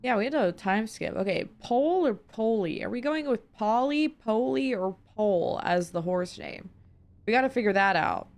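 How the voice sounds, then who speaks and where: A young woman playing a game on stream, reacting excitably, swearing freely and reading the game's text aloud. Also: a little high, normal speed. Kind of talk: casual let's-play commentary.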